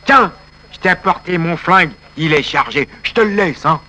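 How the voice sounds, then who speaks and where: A man's voice: on the high side, lively intonation, normal speed, sharp tone, a little hiss or hum, rough recording. A man voicing a tactless fellow who mocks and fusses over a weeping friend in a comic sketch. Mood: blunt. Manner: bossy, mocking, fussing.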